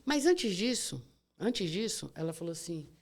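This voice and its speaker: Female guest, gravelly lower voice, lively storyteller. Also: moderate pace. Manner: vivid, animated retelling with acted-out dialogue and sound words. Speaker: guest, cancer survivor. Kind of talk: emotional storytelling in a podcast interview.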